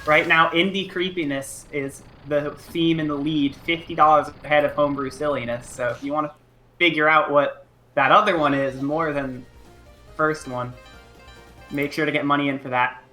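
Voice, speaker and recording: A woman hosting a charity stream, reading out donations and announcements with relaxed, hesitant fillers while she has the hiccups. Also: deep voice, moderate pace, faint music behind. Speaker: charity marathon host.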